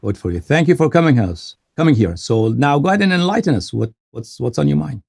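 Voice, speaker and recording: A man hosting a live call-in debate, pressing his guest with animated, challenging questions. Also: medium pitch, fast, gravelly, husky. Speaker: show host.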